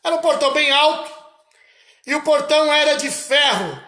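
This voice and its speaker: A man from Brazil with a Brazilian Portuguese accent, preaching slowly and emphatically about a vision, repeating his phrases. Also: very high-pitched, expressive, pushed and bright, echoey room. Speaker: missionary preacher. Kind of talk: sermon recounting a vision.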